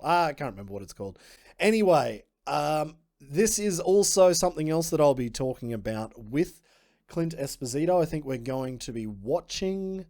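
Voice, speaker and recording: Chatty podcast guy from australia, bit of a high voice, rattling off results. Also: mellow. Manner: chatty, upbeat, reads out results. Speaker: podcast host. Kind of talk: casual news rundown. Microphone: podcast microphone.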